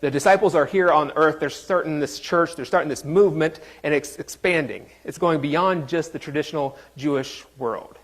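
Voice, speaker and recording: A man's voice: on the high side, moderate pace, hardly any pauses. A man preaching a sermon in a conversational, joking way, quizzing his congregation. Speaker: pastor.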